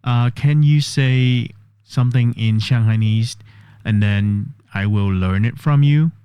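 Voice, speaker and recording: A man with a mid-range, mellow, clear and resonant voice speaks slowly in a dry recording. He's vlogging a test of an AI voice assistant, walking through it step by step and thinking aloud in casual tech-demo commentary.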